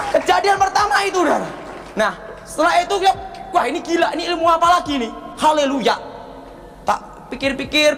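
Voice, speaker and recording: A man's voice: extremely high pitch, bright, forceful tone. Male pastor in a reverberant hall. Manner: storytelling with acted dialogue and exclamations. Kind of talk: sermon testimony. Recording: long reverb of a large hall.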